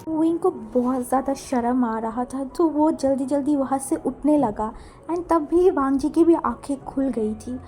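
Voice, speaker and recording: A woman's voice: high-pitched, measured pace, warm tone. A woman narrating a fan-fiction story in a chatty way, often repeating and restarting words.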